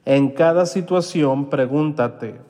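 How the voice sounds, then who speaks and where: A man's voice: fairly high pitch, slow, warm tone, long reverb tail. A man giving a motivational self-help talk as a podcast host, coaching listeners and having them repeat phrases after him.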